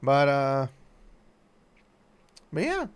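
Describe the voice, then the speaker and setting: A man's voice: mid-range voice, wildly swooping pitch, extremely slow, smooth. A man casually chatting on a gaming stream, rambling and trailing off, sleepy and yawning. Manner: rambling, laid-back, trailing off.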